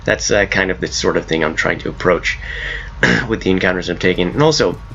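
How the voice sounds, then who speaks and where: Coming down with a cold, a man with a very low, hoarse voice gives casual commentary on his game mod, rambling, correcting himself, and laughing at his own ideas. Despite the depth, he sounds bright, forceful, and brisk. The home recording is a little dull, with faint hiss underneath.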